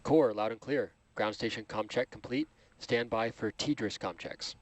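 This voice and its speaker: A man with a fairly low voice handles astronaut radio calls from mission control. He speaks in set procedural phrases, announcing checks and next steps. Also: unhurried. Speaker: spacecraft communicator in mission control.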